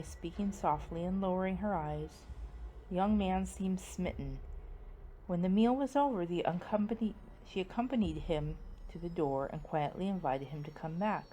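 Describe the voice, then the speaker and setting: A woman narrating a scripted story dramatically, in a playful spooky manner that moves between hushed suspense and sudden swells. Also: lowish voice, slight background noise, low-quality recording.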